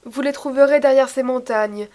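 Woman narrator as greedy old herdsman; light touch, storybook reading, fairly high voice. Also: moderate pace, darkish tone, lightly acted.

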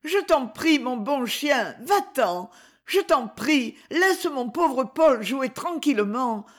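A woman voicing a gentle, anxious young boy who pleads earnestly. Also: sits high, sing-song, a little slow, pitched above the performer's own voice, full character voice. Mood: pleading.

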